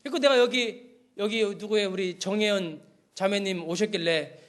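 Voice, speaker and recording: Middle-aged pastor guy preaching, high pitched, acts out his phone calls all animated. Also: moderate pace. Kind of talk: sermon.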